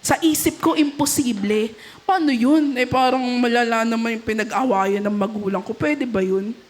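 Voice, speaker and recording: A young woman with a Filipino accent preaching a sermon, lively, often asking the congregation questions and joking with them. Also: a little high, normal speed. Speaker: youth leader preaching at a cell celebration. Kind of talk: sermon in Taglish.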